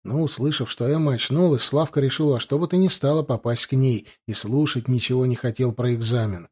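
Male narrator, audiobook reading, steady, mellow dark voice. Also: medium pitch, brisk, husky. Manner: steady, even storytelling.

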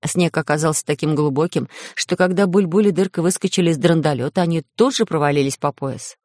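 A woman tells a children's story in a lively, expressive voice that sits slightly low. The recording is close and dry, with no room sound. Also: brisk, no room sound. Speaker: narrator. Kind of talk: children's audiobook narration.

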